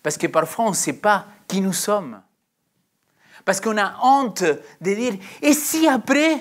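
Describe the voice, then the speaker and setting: A woman's voice: mid-range voice, lively intonation, takes it slowly. A woman preaching a sermon in a questioning, reflective way, drawing out her phrases.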